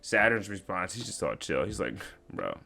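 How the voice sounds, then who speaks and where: A man's voice: low-pitched, very animated, fairly quick, gravelly, sharp tone. A man giving slangy, rambling reaction commentary on a comic chapter. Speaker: anime commentator.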